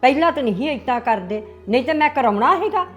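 A woman's voice: sits high, lively intonation, fast, a bit bright, faint music behind. A middle-aged actress playing a comforting, motherly aunt in a family drama.

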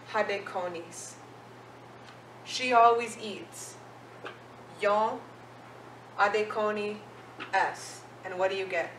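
A woman leads a classroom-style language lesson, patiently asking questions and checking in with "okay?". Her medium-pitched voice is fairly bright, with slight background noise. A distant mic gives the sound a roomy, echoey quality.

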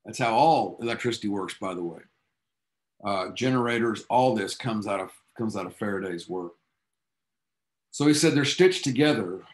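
A man's voice: fairly low pitch, moderate pace. A man teaching a physics class, telling the story behind the science in an enthusiastic, casual, storytelling way with offhand asides to his students. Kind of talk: classroom lecture.

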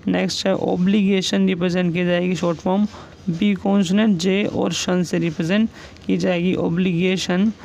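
A man with a high, gravelly voice teaches shorthand, saying each example word slowly and repeating it. There is a faint hiss of noise behind him. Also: flat delivery, a little mellow, rough recording. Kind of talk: classroom explanation.

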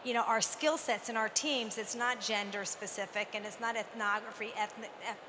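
A woman's voice: a little high, normal speed. Emphatic middle-aged woman on a panel. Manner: animated, emphatic, gestures while talking. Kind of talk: conference panel discussion. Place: large conference hall stage. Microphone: handheld microphone. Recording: reverberant hall with background noise.

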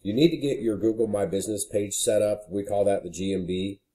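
A man's voice: on the low side, a little fast, warm tone. A man casually walking through a screen recording as a marketing consultant, talking with frequent "you know" fillers. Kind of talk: screen-share walkthrough.

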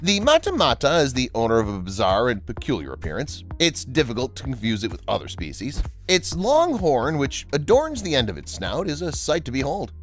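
A man's voice: mid-range voice, wildly swooping pitch, fairly quick, few pauses. A man reading scripted nature documentary narration as a narrator, over background music. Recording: music under the voice.

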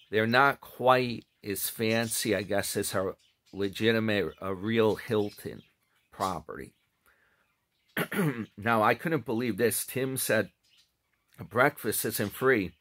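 A chatty middle-aged man rambles on webcam from a small room at home, commenting casually on another channel's videos and correcting himself along the way. His voice is lowish with a fairly bright tone, picked up close by a webcam or phone.

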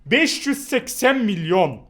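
A young man commentating mobile football pack openings, shouting hype at the game and groaning when the luck turns bad. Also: high voice, very animated, slow, soft background music.

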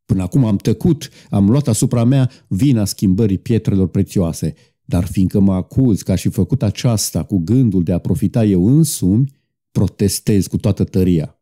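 A man's voice: fairly low pitch, warm tone, close to an everyday voice. A man voicing a proud, bitter young guard officer who talks sadly and defensively in an audiobook.

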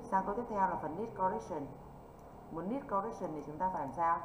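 Through echoey, dull lo-fi audio with faint background noise, a woman from northern Vietnam teaches an online English exam-prep lesson. Her voice leans low, and she checks in constantly with rapid rhetorical questions.

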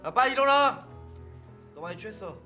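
An actor playing a gruff, exasperated young man in a romantic comedy film, blunt and grumbling. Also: high-pitched, animated, brisk, bright, forceful tone. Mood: weary, curt. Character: exasperated, gruff young man looking after a drunk girl. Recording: film scene with music and rain behind.

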